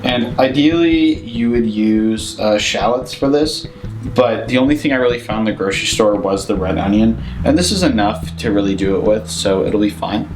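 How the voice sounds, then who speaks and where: A man's voice: fairly low pitch, moderate pace. A slightly tipsy man casually talking through a cooking demonstration step by step, in an informal, rambling, offhand way. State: somewhat tipsy from drinking. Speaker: cooking show host. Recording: music playing behind the voice. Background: plucked guitar music.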